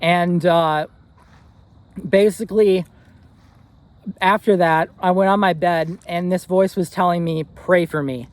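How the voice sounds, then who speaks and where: A young man in his twenties tells a personal story straight to the camera. His voice sits a little high for a man. He talks earnestly and rambles, with many fillers and restarts. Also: steady tone, slow pace, long pauses, no echo. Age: 20s. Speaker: vlogger.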